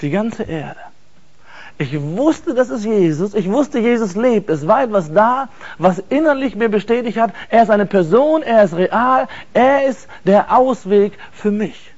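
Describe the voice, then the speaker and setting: A man telling an emotional personal faith testimony, earnest and halting, repeating words for emphasis. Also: high-pitched, animated, darkish tone, dull audio. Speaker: speaker giving a faith testimony.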